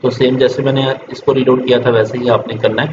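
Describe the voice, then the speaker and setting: A man teaching a reading lesson to children online. He spells out syllables slowly, then explains patiently. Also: medium pitch. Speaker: Quran teacher. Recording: echoey room, dull lo-fi sound with steady noise.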